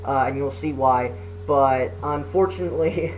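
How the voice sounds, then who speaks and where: A man's voice: medium pitch, normal speed, soft background music. A man speaking casually and apologetically to viewers as a video creator, hesitant, sweary and self-deprecating. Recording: noisy hum, poor microphone.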